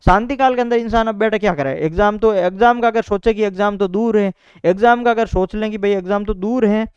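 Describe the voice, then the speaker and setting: In a relaxed motivational talk, a young male exam topper walks students through his preparation strategy, often repeating points and leaning on "bhai" and "theek hai." He speaks briskly in a high, smooth, slightly mellow voice. There's no echo, but the audio sounds dull.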